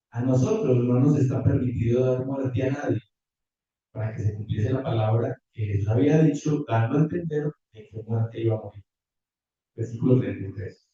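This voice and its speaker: A man preaching a sermon and reading scripture in a measured, careful way, recorded from afar in a church hall. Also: medium pitch, warm tone. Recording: distant, echoey, muffled church audio.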